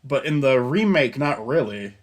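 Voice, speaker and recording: A young man hosting a casual chat stream, talking in a rambling, halting way with frequent restarts and casual swearing. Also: mid-range voice, animated. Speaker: stream host.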